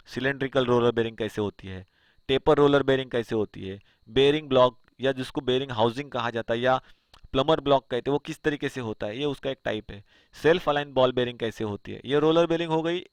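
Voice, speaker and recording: A man's voice: medium pitch, dry recording. A man teaching engineering, asking himself rhetorical questions and answering them as he walks through slides. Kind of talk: explanatory lecture over slides.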